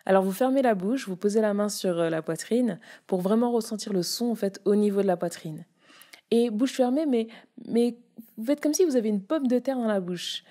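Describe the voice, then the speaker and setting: Young woman, voice coach, warm mellow tone, casual teaching delivery that demonstrates vocal registers. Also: medium pitch, normal speed. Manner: demonstrative, shifts between chest, mask and head voice. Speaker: voice and public speaking coach. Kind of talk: casual spoken tutorial.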